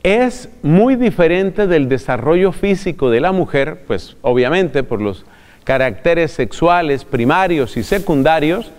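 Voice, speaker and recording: A man with a high voice gives a talk in an easy, chatty way, addressing the listener directly and chuckling now and then. A long reverb trails behind his words. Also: animated, measured pace, a little mellow, smooth. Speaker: preacher. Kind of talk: recorded religious talk.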